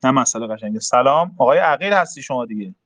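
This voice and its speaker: A man's voice: medium pitch, expressive, a bit bright, dry recording. A young man explaining mathematics casually in an online group talk, step by step with frequent fillers. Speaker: math talk host.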